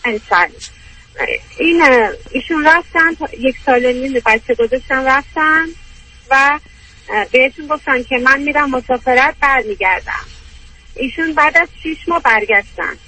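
A woman from Iran phoning a radio advice show, her voice coming over the phone line as she tells her story in a halting, roundabout way. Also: high voice, bright, forceful tone, breathy edge. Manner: halting, long roundabout telling. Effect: voice heard over a phone line on a radio call-in. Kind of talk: call-in consultation. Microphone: hand-held phone. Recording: distant noisy phone line.

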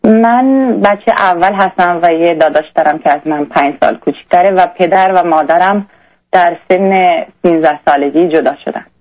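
A young woman calling in to a radio advice show, talking in a halting, hesitant way with many restarts. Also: lowish voice, muffled recording. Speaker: caller. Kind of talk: radio call-in conversation.

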